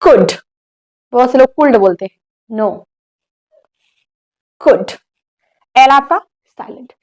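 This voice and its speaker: Young lady teacher, high voice, lesson in hindi, keeps asking then correcting you. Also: dull audio. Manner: asks quick rhetorical questions and corrects firmly. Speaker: English teacher. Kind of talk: classroom lesson in Hindi with English words.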